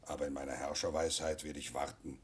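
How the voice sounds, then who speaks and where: An actor playing a pompous, lonely old king in a children's audio drama, with an imperious, drawn-out, husky delivery. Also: a bass voice, little pitch movement. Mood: lecturing, self-important. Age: older.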